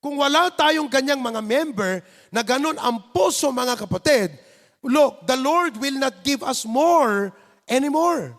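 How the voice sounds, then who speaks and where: Man, Filipino accent, pastor, sermon, very high voice, long church reverb. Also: measured pace. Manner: animated, acts out neighbors' reactions in put-on voices. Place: church sanctuary.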